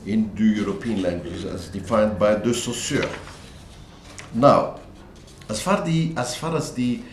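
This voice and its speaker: A man's voice: fairly low pitch, unhurried. A man lecturing on pronunciation, rambling with many fillers and asides. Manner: rambling, digressive, with frequent fillers. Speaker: English teacher. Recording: echoey room with faint noise.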